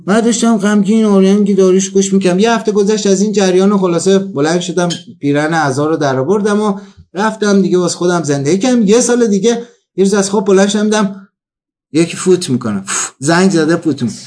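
A man delivering a comic storytelling monologue, acting out the people he quotes. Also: high voice. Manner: animated, acts out quoted dialogue.

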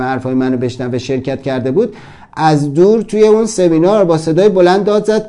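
A man's voice: a little high, dark tone. A man giving a motivational seminar talk, telling stories animatedly and acting out the voices of the people he quotes. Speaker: motivational speaker.

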